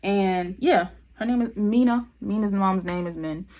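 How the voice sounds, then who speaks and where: A woman's voice: mid-range voice, unhurried, darkish tone. A woman giving a candid, opinionated review of a television show in casual commentary, acting out the people she quotes. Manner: candid, chatty, with frequent fillers; acts out quoted people in her retelling.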